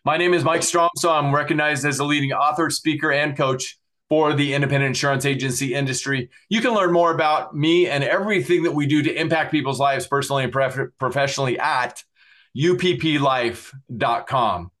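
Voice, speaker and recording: A man's voice: fairly high pitch, fairly quick, a bit bright. A middle-aged man hosting a podcast, earnestly thanking his guest and listeners and plugging websites, with many fillers. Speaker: podcast host.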